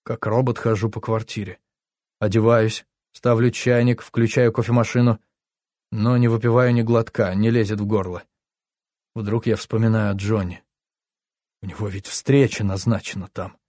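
A man narrating a first-person story, tense and hushed, his voice dropping low at grim moments. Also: level tone, moderate pace, dry recording, clean studio sound. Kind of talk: audiobook narration.

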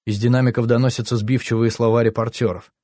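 A man narrating a first-person story, tense and hushed, his voice dropping low at grim moments. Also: flat delivery, fast, no room sound, studio quality. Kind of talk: audiobook narration.

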